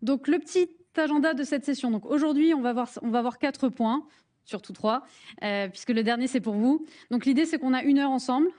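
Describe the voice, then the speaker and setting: A woman with a French accent runs a live hands-on workshop in a conference room, her high voice fairly quick and darkish in tone. She's friendly and jokes around, with lots of fillers and restarts.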